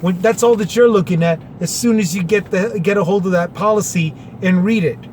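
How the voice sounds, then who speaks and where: Sarcastic high-voiced man commenting. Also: fairly quick, a little mellow, slight background noise. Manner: sarcastic, paraphrases in plain terms. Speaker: commentary vlogger. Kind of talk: reading and commenting on a government order.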